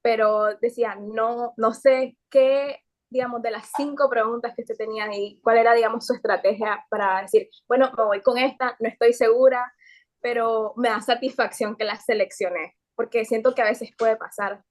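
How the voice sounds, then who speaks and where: A woman's voice: on the high side, steady tone, normal speed. A woman with a Nicaraguan accent asking a guest questions, polite and hesitant, with many fillers and restarts. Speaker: audience participant asking questions. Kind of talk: casual interview questions.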